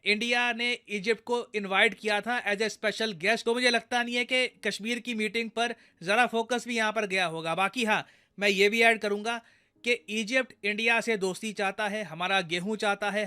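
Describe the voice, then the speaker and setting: A man's voice: sits high, bright, forceful tone, clear, resonant tone. A young Indian man explaining foreign affairs news, talking straight to his viewers in a conversational way. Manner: conversational, addresses viewers directly.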